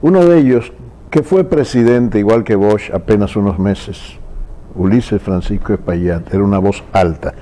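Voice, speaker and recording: Low, mellow-voiced man interviewing. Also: a little hiss or hum. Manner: reflective, measured, asks long questions. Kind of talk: political interview.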